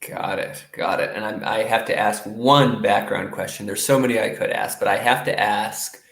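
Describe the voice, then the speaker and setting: A man hosting an interview, offering short affirmations and asking measured questions. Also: on the low side, a bit bright. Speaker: interview host. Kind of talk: conversational interview. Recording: roomy echo.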